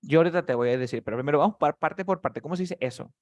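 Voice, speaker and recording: A man's voice: a little high, rapid-fire, a little mellow, dry recording. A man teaching English to beginners in a live class, patiently drilling words and calling on students by name.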